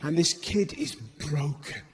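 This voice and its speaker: A man's voice: fairly high pitch, slow pace, slight background noise. A man doing stand-up comedy on a large theatre stage, telling stories with energy and acting out voices, recorded live with audience laughter. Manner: energetic storytelling with acted-out voices.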